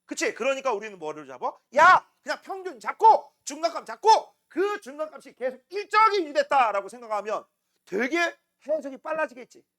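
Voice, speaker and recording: A middle-aged man teaching a science class, joking roughly with his students and constantly checking in with tag questions. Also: very high-pitched, sing-song, brisk, sharp tone. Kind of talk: classroom lecture.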